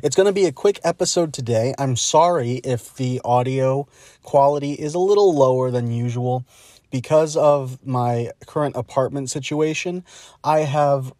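A man hosting his podcast solo, recorded on a phone inside a car, talking in a thoughtful way and often pausing to search for words. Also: mid-range voice, mellow, no room sound, studio quality. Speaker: podcast host. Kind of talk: casual solo commentary.

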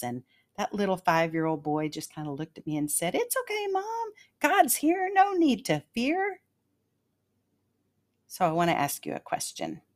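A woman hosting a devotional podcast, telling a personal story in a calm, earnest, measured way and slowing down on key phrases. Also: deep voice.

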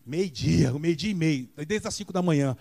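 A Brazilian man preaching a Sunday sermon in a church, retelling a Bible story and acting out the voices of the people in it with big jumps in pitch. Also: lively intonation, a little fast, gravelly, a little mellow. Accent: Brazilian Portuguese. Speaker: pastor.

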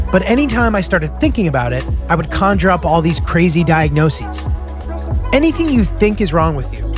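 American man narrating a travel diary. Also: sits high. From United States. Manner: casual, filler-heavy with frequent "like". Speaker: podcast host. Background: music.

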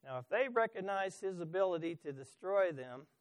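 A man preaching a sermon as pastor, swinging from loud emphasis to soft asides and asking the congregation questions. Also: sits high, animated, moderate pace, no room sound.

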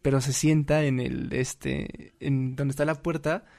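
A man's voice: mid-range voice, measured pace, creaky. A young man with a Mexican accent telling a story in casual, slang-filled chat. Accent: Mexican Spanish. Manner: slangy, laughing, animated storyteller.

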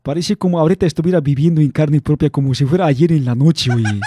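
A man's voice: fairly high pitch, quick pace, warm tone, slightly rough, dry recording, studio quality. A young man rambling through a personal story, chuckling often and calling his listener by slang nicknames. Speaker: vlog host telling a story. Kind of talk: casual storytelling to camera.

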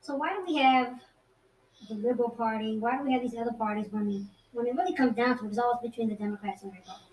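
A woman with a slightly higher voice chimes in fast with questions. She sits away from the mic, so her voice sounds distant in an echoey room with faint background noise. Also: fairly even intonation, a little mellow. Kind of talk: casual discussion.

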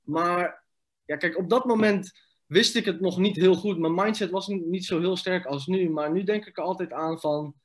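Emphatic man, higher voice. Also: normal speed. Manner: emphatic, blunt, with loose English slang. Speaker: podcast guest, entrepreneur. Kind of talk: casual podcast conversation.

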